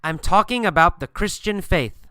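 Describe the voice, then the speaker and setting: Man reads pushy male street preacher, insistent questioner, smooth and crisp. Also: high-pitched, animated, normal speed, pushed and bright, no echo, voice pushed up.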